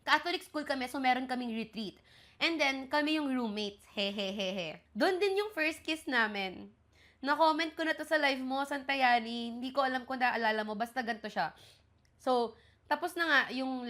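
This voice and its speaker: A young woman in her twenties from the Philippines hosting a podcast, reading listener love letters aloud and reacting in an animated, gushing way. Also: a little high, normal speed. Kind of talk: casual chat.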